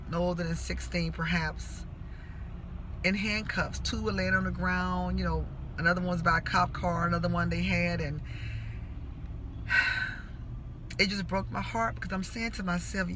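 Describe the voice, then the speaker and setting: A woman's voice: on the low side, noisy background. A middle-aged woman, a mother, speaking earnestly in a personal vlog monologue and making impassioned appeals to parents and young people. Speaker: mother and school worker.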